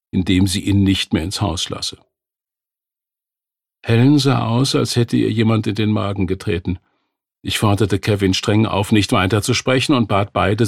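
Male narrator with a low, raspy timbre, measured and even delivery, dry studio read. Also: no room sound. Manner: calm, measured reading. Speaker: audiobook narrator. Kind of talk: scripted narration.

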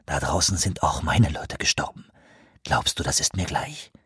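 Guy doing a big growly contemptuous brute, husky, dead dry sound. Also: very deep voice, animated, normal speed, a bit bright, no echo, voice pushed down, full character voice. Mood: menacing. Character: huge gruff man, menacing, contemptuous.

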